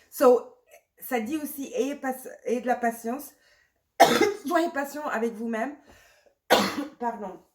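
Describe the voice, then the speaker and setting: A woman's voice: fairly high pitch, slight background noise. A woman giving a pick-a-card tarot reading while fighting a cold and a sore throat. She speaks straight to the viewer, reassuring and repetitive, and slips English words into her talk. The voice is close to the mic. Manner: reassuring, repeats herself, mixes in English words. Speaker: tarot reader.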